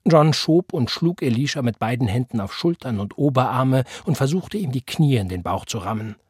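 A man reading a literary novel aloud as narrator, in a measured, even storytelling manner. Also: medium pitch, breathy edge, no room sound. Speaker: audiobook narrator. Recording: dry close studio recording.

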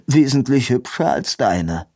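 A man's voice: mid-range voice, animated, a little slow, darkish tone, husky, no room sound, studio quality. A man voicing a haughty aristocratic lord who speaks with cold, affected disdain.

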